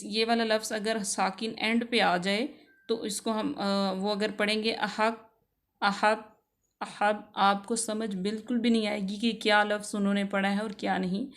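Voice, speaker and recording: A woman teaching a spoken recitation lesson, drawing out each example word slowly and having listeners repeat after her. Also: medium pitch. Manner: drawn-out elongated recitation of example words. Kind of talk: slow spoken tajweed lesson.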